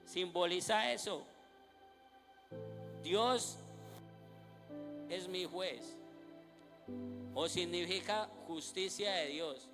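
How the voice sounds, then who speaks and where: High-voiced preacher in a reverberant hall. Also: male voice, drawn-out words, pauses often. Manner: asks the congregation questions and answers them himself. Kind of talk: sermon reading scripture aloud. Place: church during a night vigil. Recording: reverberant church hall with music behind.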